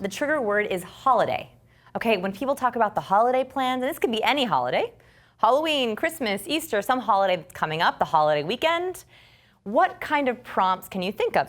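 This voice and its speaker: A woman instructor teaching a storytelling class, lively and acting out quoted speech. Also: on the high side, a little fast.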